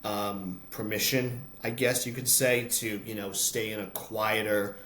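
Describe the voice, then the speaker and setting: As an interview guest, an American voice-over artist and announcer recounts personal stories conversationally, his fairly low voice unhurried, fairly even, and pushed and bright. The room echoes noticeably, and background noise is audible.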